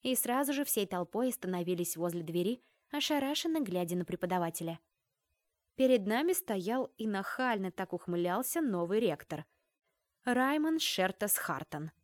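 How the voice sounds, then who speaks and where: A woman's voice: medium pitch, expressive, normal speed, no echo, studio quality. A woman narrating a first-person fantasy audiobook in a wry, conversational way.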